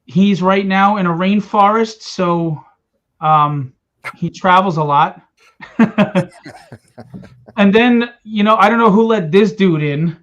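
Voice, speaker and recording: Hosting a livestream launch party for his comic, this publisher jokes with and teases his guests while hyping the campaign. His voice is high and a bit bright, and he speaks slowly with frequent pauses. The stream audio is dull and lo-fi.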